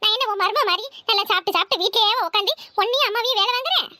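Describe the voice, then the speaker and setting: A woman plays a bossy, scheming young married woman for a cartoon, speaking with a Kanyakumari Tamil accent. Her very high voice sounds bright and forceful, delivered as fast, scolding chatter in clean studio sound with no echo.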